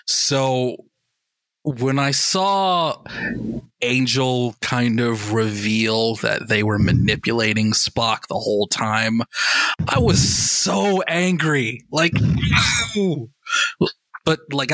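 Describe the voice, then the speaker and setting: A man's voice: medium pitch, no room sound. A man co-hosting a podcast in casual, enthusiastic chat, often repeating words as he talks. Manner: enthusiastic, animated, with repetitions. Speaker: podcast co-host.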